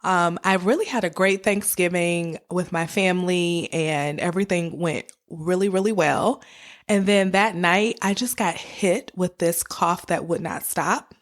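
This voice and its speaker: A woman with a lowish, somewhat slow voice hosts a personal finance podcast, offering conversational coaching and encouragement addressed right to listeners. A cold with a cough and sore throat makes her sound slightly raspy.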